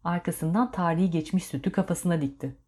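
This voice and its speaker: A woman narrating a story in a steady, measured reading voice. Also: fairly low pitch.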